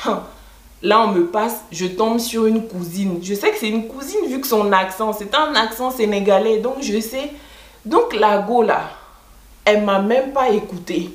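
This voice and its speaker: A woman's voice: mid-range voice, measured pace. Chatty woman vlogger in an echoey room. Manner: animated, indignant storytelling with many fillers. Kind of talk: storytime vlog, casual chat.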